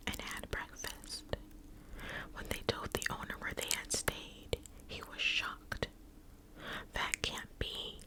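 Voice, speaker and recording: A woman reading spooky stories aloud as ASMR in an unvoiced whisper, with a hushed, deliberate delivery. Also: poor audio. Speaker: ASMR storyteller.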